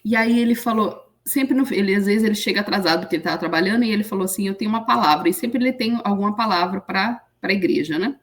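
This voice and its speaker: A woman, an interview guest telling an emotional story with lively quoted voices. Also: mid-range voice, quick pace, hardly any pauses. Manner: animated retelling with acted quotes.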